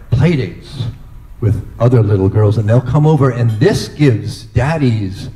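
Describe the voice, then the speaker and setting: Unhurried middle-aged man giving father-of-the-bride speech. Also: medium pitch, mellow, echoey room, poor audio. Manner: unhurried storytelling with deliberate dramatic pauses.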